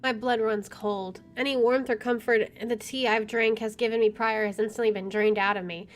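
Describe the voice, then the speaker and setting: Over faint music, a woman with a fairly high, steady voice speaks at normal speed while hosting a let's play. She reads visual novel narration aloud, occasionally tripping over words and tossing in side comments.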